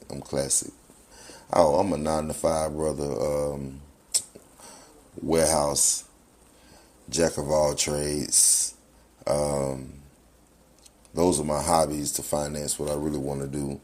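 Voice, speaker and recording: A man's voice: a bass voice, flat delivery, slow pace, long pauses, darkish tone. A man chatting at a cast reunion in a laid-back, slangy way. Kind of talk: casual reunion chat.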